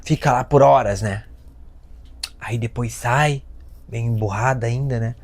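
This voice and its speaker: A Brazilian man giving a self-help talk, animated, acting out parents and children in his stories. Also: medium pitch, a little slow. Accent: Brazilian Portuguese. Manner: lively storyteller, acts out voices of children and parents. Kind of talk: lecture with acted anecdotes.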